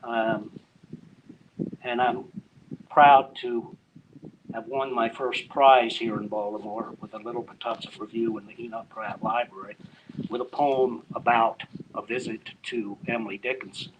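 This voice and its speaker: Older man, poet at an open mic, slow hesitant rambling, noisy audio. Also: medium pitch, flat delivery, lo-fi sound. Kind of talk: introducing and reading poems.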